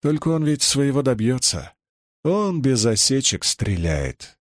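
A pale young radio operator, quiet and subdued, his lines softer than those around him, as a man reads him in an audiobook. The sound is close and dry. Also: mid-range voice, very animated, a little slow, no room sound. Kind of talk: audiobook character reading.

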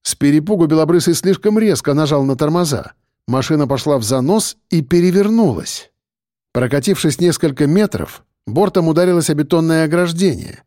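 A man's voice: a little high, expressive, fairly quick, mellow, no echo, studio quality. A man narrating an audiobook in a dramatic storytelling manner.

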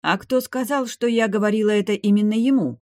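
A woman voicing a proud, hot-tempered young vampire noblewoman who declares things loudly, in an audiobook. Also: medium pitch, brisk, dry recording, studio quality, pitched above the performer's own voice, close to an everyday voice. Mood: defiant.

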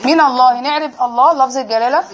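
Quick Egyptian woman teaching grammar. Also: high-pitched, muffled recording. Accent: Egyptian Arabic. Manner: asks the class questions and drills them. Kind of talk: classroom lesson. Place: classroom with students.

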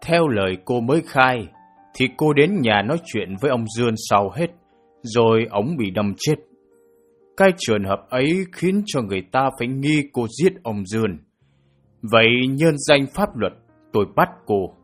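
A man voicing a stern prosecutor who questions a suspect in a slow, measured manner in an audiobook drama. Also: medium pitch, animated, faint music behind, close to an everyday voice. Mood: probing. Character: stern male prosecutor, calm and probing.

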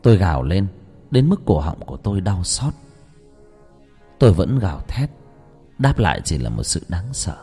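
Man, ghost-story narrator, husky voice, lively dramatic pitch, reverberant audio with soft music. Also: moderate pace, long pauses. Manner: dramatic, rising into anguished shouts.

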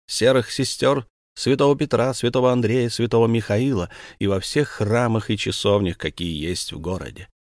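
A man narrating a classic novel in a steady, measured audiobook reading. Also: lowish voice, no echo, clean studio sound.

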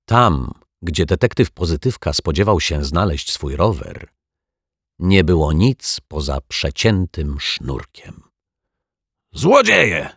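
A man narrating a children's storybook in an expressive, lively storytelling way, close to the mic. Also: a bass voice, slow, slightly rough, no room sound. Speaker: audiobook narrator.

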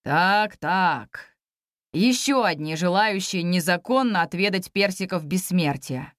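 A woman voicing a stern, mocking male celestial general in a storybook reading, speaking lower than her own voice and scolding. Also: expressive, slow pace, no room sound, clean studio sound. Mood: scornful.

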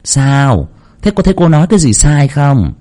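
A man's voice: fairly high pitch, sing-song, moderate pace, mellow, voice pushed up. A man voicing a shrewd middle-aged female spirit medium who speaks in a knowing, insistent way, in a storytelling narration.

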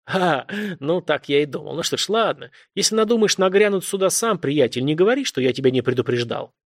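A man's voice: fairly high pitch, lively intonation, a little fast, no room sound, studio quality, pitched above the performer's own voice. A man voicing a brash shop worker calling the police, blunt and crude, swearing freely. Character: gruff foul-mouthed shop worker, brash.

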